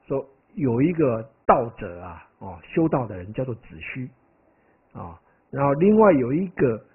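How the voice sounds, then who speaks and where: Male monk-lecturer, conversational and digressive, expressive voice, lo-fi phone-quality audio. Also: mid-range voice. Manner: conversational, keeps asking "right?"; animated, digressive storytelling. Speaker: Buddhist monk teaching. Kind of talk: dharma lecture. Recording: tinny, phone-like lo-fi recording.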